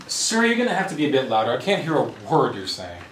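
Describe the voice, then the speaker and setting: A man's voice: mid-range voice, wildly swooping pitch, quick pace, roomy sound, slight background noise. A man playing a sneering gangster interrogator. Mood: mocking. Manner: mocking, taunting, theatrical. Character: sarcastic menacing male gangster interrogator. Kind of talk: amateur short film acting.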